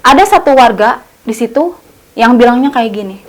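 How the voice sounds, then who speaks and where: Woman, high-pitched, casual horror storyteller, colloquial, repetitive, fillers. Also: expressive, normal speed.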